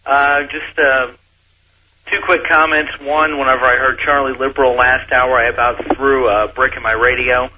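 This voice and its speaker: A man's voice: medium pitch, little pitch movement, moderate pace, a little hiss or hum. A man from Missouri calling in to a radio show, his voice coming through a tinny, metallic tin-can phone line as he talks hesitantly with lots of fillers. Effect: tinny, metallic tin-can phone sound. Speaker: caller. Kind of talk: casual phone-in chat. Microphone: telephone.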